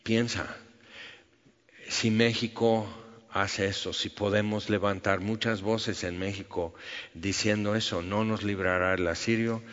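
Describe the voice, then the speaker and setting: A man's voice: on the low side, fairly even intonation, measured pace, fairly bright tone. A man preaching a sermon, reading scripture and telling stories with sound effects. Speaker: pastor. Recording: echoey hall, dull lo-fi sound.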